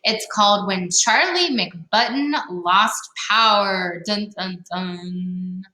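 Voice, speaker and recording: A woman reads a children's picture book aloud in a dramatic, playful way, adding chatty asides to her listeners. Her mid-range voice is slow, pushed, and bright. The recording sounds roomy and echoing.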